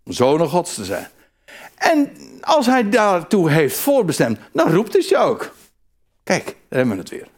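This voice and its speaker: With a slightly high, unhurried voice, a man delivers an emphatic sermon. He stays animated, says things over and over, and keeps starting his phrases again.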